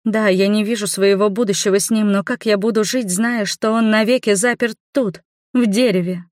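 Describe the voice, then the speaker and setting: A woman voicing a desperate young mother who pleads and cries out in a high, loud voice. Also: fairly even intonation, normal speed, no room sound, studio quality, close to an everyday voice. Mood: anguished.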